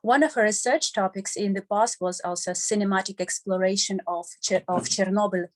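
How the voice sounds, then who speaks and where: A woman chairing an academic panel, reading out a speaker's background in a measured way. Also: mid-range voice. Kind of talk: introducing a speaker.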